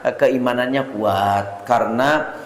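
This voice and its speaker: A man with a Sundanese accent preaching a sermon, telling stories, acting out quoted figures in a lower voice and asking the audience questions. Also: slow pace. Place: mosque hall. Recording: echoey mosque hall with long reverb.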